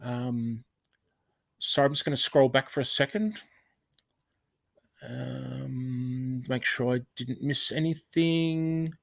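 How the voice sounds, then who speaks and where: A man with an Australian accent chats casually during a live stream, reading comments aloud with lots of fillers and restarts, and thanks viewers warmly. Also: mid-range voice, steady tone, slow pace, vocal fry, pauses often, no room sound. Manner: chatty, rambling, with many fillers and restarts; warm thanks to viewers, often exclaiming.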